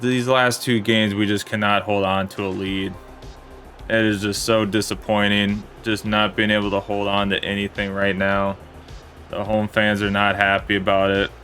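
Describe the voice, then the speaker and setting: A young man giving casual play-by-play commentary on a football video game match, in a plain, steady way that turns let down when his side concedes. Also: lowish voice. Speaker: gaming commentator.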